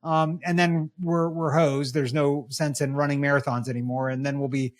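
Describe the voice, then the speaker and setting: A man's voice: fairly high pitch, moderate pace. A man co-hosting a casual tech podcast, joking and riffing with sarcastic asides. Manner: joking, animated, sarcastic riffs. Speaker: podcast co-host. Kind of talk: casual chat.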